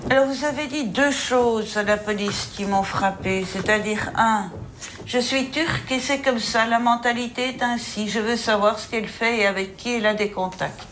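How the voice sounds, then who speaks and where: A woman's voice: fairly high pitch, normal speed, fairly bright tone, slight background noise. A woman judge sternly questioning a defendant in her office. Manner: stern, pointed, interrogating. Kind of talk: courtroom questioning.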